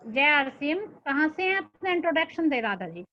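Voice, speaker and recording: A woman's voice: high voice, big pitch swings, moderate pace, muffled recording. A woman hosting an online business meeting, praising the speakers and prompting participants to introduce themselves. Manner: encouraging, prompting. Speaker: meeting host. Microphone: video call.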